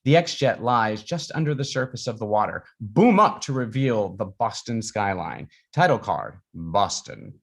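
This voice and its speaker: A man's voice: lowish voice, big pitch swings, a little slow, vocal fry, hardly any pauses. A man reading stage directions as narrator at a live screenplay reading.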